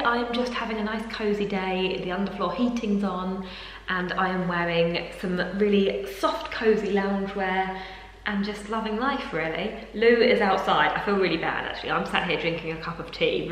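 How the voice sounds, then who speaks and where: A woman's voice: mid-range voice, fairly bright tone. British woman in a big echoing room. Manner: chatty, rambling, many fillers. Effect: big echoing room, long hall-like reverb. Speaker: vlogger. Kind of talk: casual vlog chat. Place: sparsely furnished room at home. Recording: echoey hall-like room, faint hum.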